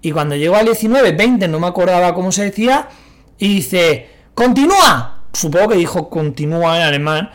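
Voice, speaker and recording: A young man from Spain with a Spanish accent, telling an animated anecdote as a guest in a casual chat, acting out the voices of the people he quotes and swearing casually. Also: high-pitched, a little fast.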